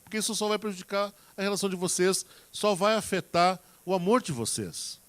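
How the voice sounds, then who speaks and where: A man's voice: high voice, a little fast, fairly bright tone. A man preaching a sermon on marriage, talking in a folksy, direct way to the congregation and acting out everyday examples in quoted voices. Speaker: preacher giving marriage advice.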